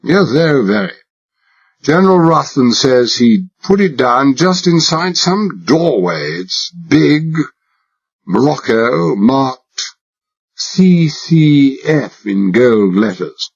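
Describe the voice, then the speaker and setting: In a heavily acted performance on a dull lo-fi recording, a man plays a male undercover agent posing as a posh English secretary, faking an exaggerated upper-class English accent. His mid-range voice is pushed above his natural pitch, with a sing-song lilt, slow pace and breathy edge. He chatters in a fussy, mock-polite, affected way.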